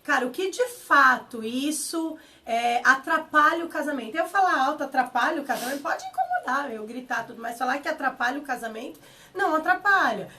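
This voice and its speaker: A woman in her thirties from Paraná, a pastor with a Paraná Brazilian Portuguese accent, talking in a casual, expressive way in an office. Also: sits high, a little fast. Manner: talkative, expressive, laughs easily. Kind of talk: casual chat. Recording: voice a bit far from the mic.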